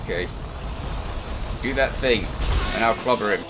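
A man's voice: on the low side, measured pace, noisy background. A man giving casual gameplay commentary, thinking aloud with mild exclamations. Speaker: gamer playing and commentating. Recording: loud game music behind voice.

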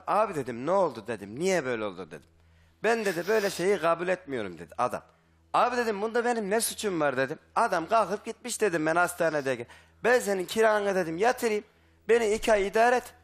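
A young man with a fairly high voice speaks as a studio guest, agitated and insistent. He retells conversations at length, stacking "I said" after every quote. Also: sing-song, fast, gravelly, a bit bright. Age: young adult. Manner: agitated, retells dialogue with constant "dedim". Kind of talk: heated live testimony.

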